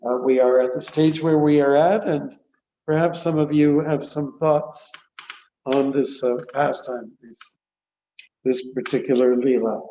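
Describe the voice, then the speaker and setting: Man teaching scripture, halting n deliberate, mid pitch, echoey dull online call audio. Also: fairly even intonation, dark tone, a little hiss or hum. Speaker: religious class teacher. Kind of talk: extempore scripture lecture.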